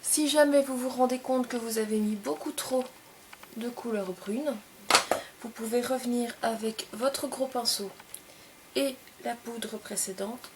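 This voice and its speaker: Her voice slightly high, a young woman gently explains her makeup routine step by step in a casual tutorial, pausing after each short phrase. A faint hiss can be heard under the audio.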